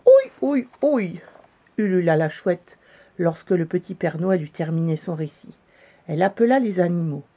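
Woman storyteller, calm children's story reading, mellow voice. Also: lowish voice, normal speed, a little hiss or hum. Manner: calm, gentle narration.

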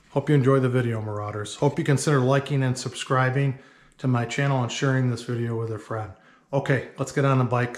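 A man's voice: mid-range voice, reverberant, a little hiss or hum. Middle-aged man in casual vlog talk. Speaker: motorcycle vlogger. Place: indoor garage workshop. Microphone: small wireless mic worn on the body.

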